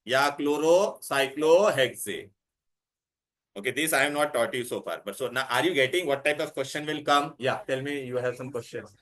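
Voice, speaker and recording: This chemistry teacher is a man with an Indian accent whose medium-pitched voice sounds a bit bright at a normal pace. Questioning the class and hammering points home through repetition, he blends Hindi into his English.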